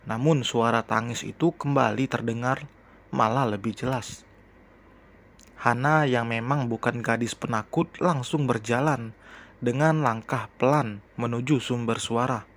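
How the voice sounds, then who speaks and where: A man calmly narrating a storybook in a steady reading voice. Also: mid-range voice, measured pace.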